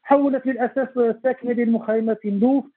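Husky man on a phone line. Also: very high-pitched, steady tone. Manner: fast, insistent, with restarts. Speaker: guest analyst on Western Sahara affairs. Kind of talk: remote TV debate commentary.

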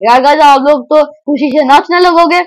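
A gameplay commentator talking in excited, rambling casual commentary, full of restarts and "guys" asides, on a close microphone. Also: high-pitched, normal speed, dry recording, rough recording. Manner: rambling, repeats "arey yaar guys" with many restarts.

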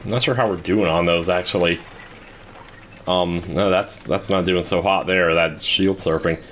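Deep-voiced man rambling over gameplay. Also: fairly even intonation, moderate pace, a bit bright, a little hiss or hum. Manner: rambling, wry, self-deprecating. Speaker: let's play host. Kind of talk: casual gameplay commentary.

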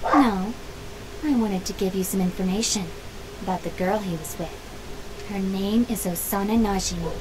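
A woman's voice: mid-range voice, moderate pace, natural voice. A woman voicing a cool, scheming teenage schoolgirl informant in a video game, detached, curt and businesslike. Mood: detached, informative. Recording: noisy game playback.

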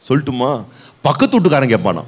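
A man's voice: medium pitch, huge pitch swings, fast, breathy edge. A male pastor with a Tamil accent preaching a sermon in church, building emphasis through repeated phrases and rhetorical questions.

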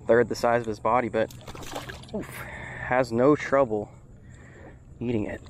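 Young male vlogger, relaxed thinking-aloud talk, outdoor action-cam sound with faint noise. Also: mid-range voice, unhurried. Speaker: fishing vlogger. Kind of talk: casual outdoor commentary. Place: small boat on open water outdoors. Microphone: action camera mounted on boat.

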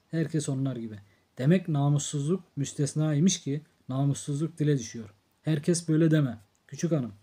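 A man's voice: fairly high pitch, mellow, slightly rough. A man voicing a blunt, threatening drunk older brother in an audiobook, in a harsh scolding tone. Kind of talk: audiobook character reading.

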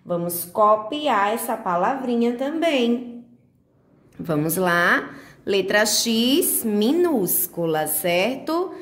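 A woman with a Brazilian Portuguese accent, teaching a remote handwriting lesson to small children, guiding each stroke slowly and patiently with diminutive words. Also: on the high side, sing-song. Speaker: preschool teacher.

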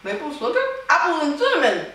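A young woman doing a casual challenge video with a friend, giggly and playful, talking fast when she teases. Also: sits high, huge pitch swings, bright, forceful tone. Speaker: vlogger. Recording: echoey room, distant mic, faint hiss.

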